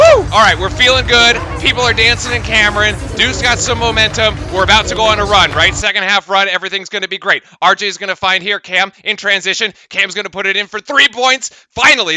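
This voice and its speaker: A man in his late twenties, co-hosting a fan show and calling game highlights play-by-play, swinging from chatty recap to shouted disbelief. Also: dry recording, clean studio sound. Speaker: podcast co-host.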